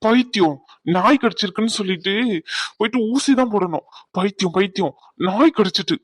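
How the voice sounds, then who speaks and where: A man's voice: high-pitched, a little fast, slightly rough, dry recording, clean studio sound. Man voicing a teasing cartoon prankster. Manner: mocking, teasing, laughs often. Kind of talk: cartoon voice acting.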